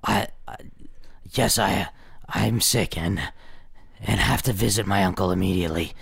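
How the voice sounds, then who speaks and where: A man improvising a comedy scene in a low, mumbling, deadpan delivery. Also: moderate pace, creaky, breathy edge, no room sound. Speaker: comedy sketch performer.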